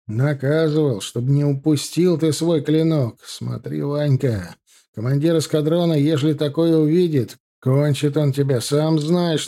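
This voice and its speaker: A man doing a gruff, lecturing sergeant. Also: fairly high pitch, warm tone, natural voice. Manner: grumbling, instructive. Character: gruff veteran male NCO, stern but caring.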